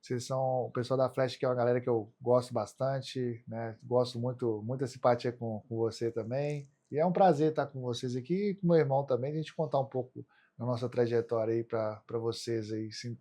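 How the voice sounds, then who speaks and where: A man's voice: medium pitch, fairly even intonation, a little fast, warm tone. A Brazilian man, an athlete being interviewed as a podcast guest, talks colloquially about himself, often adding tags seeking agreement. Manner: colloquial, frequent tag questions seeking agreement. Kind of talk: casual interview storytelling.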